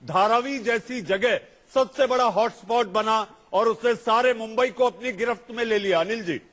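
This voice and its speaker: A middle-aged male news interviewer with a fairly high voice puts pointed, probing questions to his guest in a formal, respectful tone. His voice rings with a long, hollow echo, as if he were in a cave. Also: moderate pace, a bit bright.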